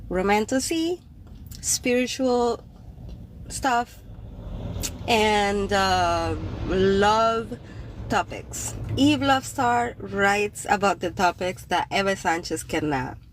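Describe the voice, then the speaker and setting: The audio is poor, with a little hiss or hum, as a woman of medium pitch hosts her livestream podcast. Originally from Cuba and a native Spanish speaker, this poet greets viewers in accented English, meandering casually and leaning on fillers.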